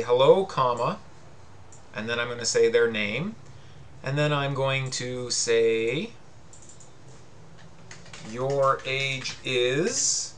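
A man's voice: mid-range voice, fairly bright tone, slight background noise. Patient male teacher explaining code. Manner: patient, explanatory, reads out prompts. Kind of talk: screencast coding tutorial.

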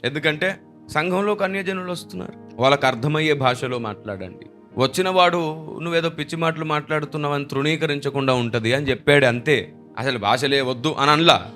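A man's voice: on the high side, fairly quick, bright, forceful tone, soft background music. A man preaching a sermon as pastor, emphatic, with rhetorical questions and repeated phrases.

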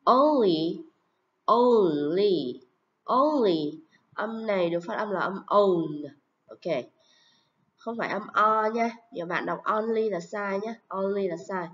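A woman leads a pronunciation lesson, speaking at an unhurried pace and stretching each model word so learners can follow. Her voice sits in a middle register. The recording sounds slightly dull and lo-fi. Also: medium pitch. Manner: slow, drawn-out model words and example sentences. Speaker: English teacher.

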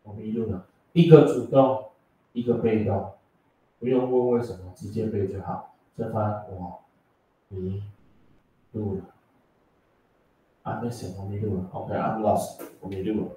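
A man's voice: lowish voice, fairly even intonation, a little slow, pauses often, mellow, slight background noise. A male teacher gives a classroom lecture, joking and teasing his students as he drops English words into his explanations. He is picked up from well across the room, and the space rings with strong echo. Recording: echoey classroom from far off.

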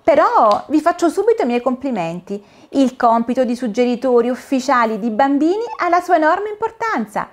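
A woman's voice: high voice, very animated, moderate pace, few pauses, pitched above the performer's own voice. A woman voicing a kind little girl who speaks with eager wonder. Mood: amazed. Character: amazed little girl, kind and wide-eyed.

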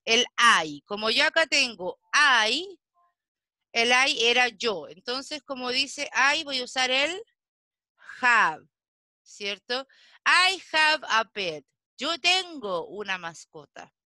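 Patient woman English teacher with a higher, crisp voice and a slow, checking delivery. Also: bright, forceful tone, dry recording. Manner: slow, patient explaining with frequent checking questions. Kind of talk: online class lesson.

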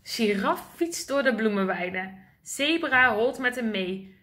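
A woman's voice: fairly high pitch, animated, slow, pushed and bright. A woman teacher reading a picture book aloud to young children, sing-song and asking them questions.

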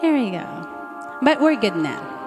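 A woman's voice: on the high side, big pitch swings, a little slow, over music. A middle-aged woman with a Filipino accent, joking playfully in casual chat on a live stream. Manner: playful, jokey. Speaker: guest singer.

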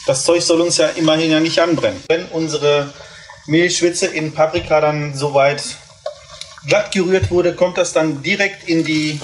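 A man's voice: a little high, fairly even intonation, moderate pace, slight background noise. A man hosting a casual home cooking video, chatting through each step as he cooks. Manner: chatty, explains steps while cooking. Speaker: cooking channel host. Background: food sizzling in a pan.

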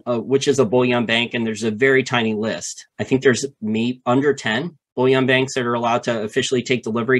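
A man co-hosting a finance podcast, walking through market mechanics step by step in a casual, animated way with frequent repeats. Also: mid-range voice. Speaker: podcast co-host.

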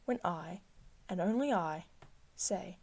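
Soft-spoken woman guiding a hypnosis session. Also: fairly low pitch. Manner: soft, slow, soothing, repetitive, with breathy whispered stretches. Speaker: hypnosis guide. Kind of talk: slow guided hypnosis script.

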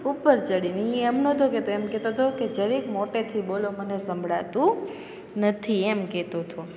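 A woman's voice: mid-range voice, moderate pace, warm tone. A woman from Gujarat teaching a class. She reads each line aloud, then patiently explains it again in plain words. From Gujarat, India. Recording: echoey room with long reverb and faint hiss.

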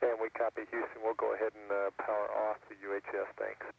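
A man, an astronaut, calling mission control over a narrow-band spacecraft radio link, giving brisk, clipped readbacks in procedural radio talk. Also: on the low side, completely flat delivery, vocal fry, dry recording. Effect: narrow-band spacecraft radio transmission. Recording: tinny distant radio link from orbit.

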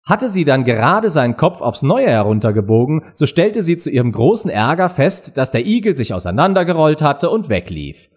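A man reading a storybook aloud with lively, expressive narration. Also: a little high, normal speed, hardly any pauses, husky. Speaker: audiobook reader.

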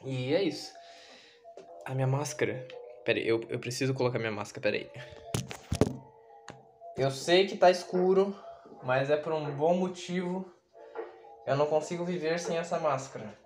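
His voice is a little on the high side, at normal speed with frequent pauses, and music plays behind him. He's a young adult YouTuber with a Brazilian Portuguese accent, casually and jokingly rambling at his own expense, vlog-style. The clip comes from a small indoor bedroom, captured on a handheld camera or phone with noisy, clicky audio.

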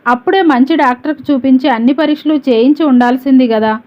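A woman's voice: sits high, quick pace, close to an everyday voice. A woman reading the part of a grief-stricken father in a spoken story, her voice trembling and pleading, on a dull lo-fi recording. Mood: anguished.

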